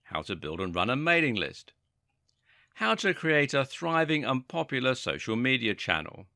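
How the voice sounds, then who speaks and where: Lively, bright-voiced male course narrator. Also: mid-range voice, moderate pace, gravelly, no echo, clean studio sound. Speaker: online course instructor.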